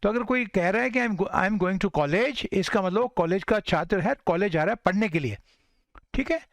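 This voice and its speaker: Man, high voice, English teacher; dry close sound, slow model sentences, frequent check-ins with listeners. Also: no echo. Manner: mixes Hindi and English, slows down to model English sentences. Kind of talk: spoken English lesson.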